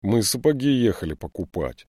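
A man's voice: on the low side, big pitch swings, normal speed, warm tone, no echo, clean studio sound, voice pushed up. A man voicing a sullen, hefty teenage thief in an audiobook, protesting and snapping back. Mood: sulky.

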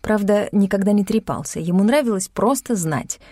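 A woman reads first-person fiction in a calm, wry tone, dry and close to the mic. Her pitch sits at an average female level, and her pace is even and steady. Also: normal speed, no echo. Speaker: audiobook narrator. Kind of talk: first-person novel narration. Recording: dry close studio sound.

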